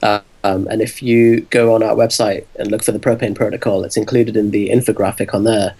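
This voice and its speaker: A man's voice: lowish voice, little pitch movement, darkish tone, breathy edge, rough recording. A man guesting on a podcast as a fitness coach, explaining steadily with plenty of ums. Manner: measured, explanatory, many ums. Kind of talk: casual interview answers.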